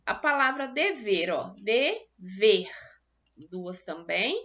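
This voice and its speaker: Brazilian lady teacher, bright gravelly voice, talks slow for kids, kinda dull lo-fi sound. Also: fairly high pitch. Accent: Brazilian Portuguese. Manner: slow, stretches out syllables when pronouncing example words. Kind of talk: recorded class lesson for children.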